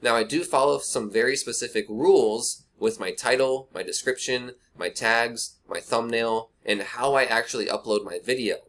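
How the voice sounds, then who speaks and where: A man's voice: medium pitch, moderate pace, hardly any pauses, a bit bright. Casual tutor type, a man with a mid-range voice, talks bluntly to camera through a cheap webcam mic. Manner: blunt, rambling, talks to viewer directly. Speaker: online marketing instructor. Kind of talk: casual screen-recorded tutorial.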